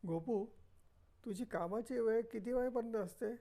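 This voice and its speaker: A man voicing a kindly elderly retired teacher who speaks gently and encouragingly. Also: extremely high pitch, moderate pace, vocal fry, pitched above the performer's own voice.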